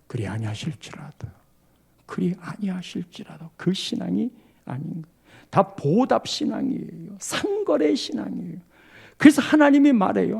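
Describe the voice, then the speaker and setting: Gravelly, animated preacher, hushed to shouting. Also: male voice, high-pitched. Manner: dramatic, swings from hushed to shouting, acts out quoted voices. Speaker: pastor. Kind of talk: sermon.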